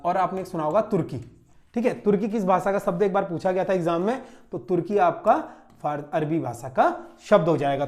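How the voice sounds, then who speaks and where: A young male teacher a raised, fairly high pitch walks students through exam questions at a board. He drills each point by asking a rhetorical question and answering it himself, over and over. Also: a little mellow. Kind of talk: classroom exam-solution lecture. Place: classroom standing at a board.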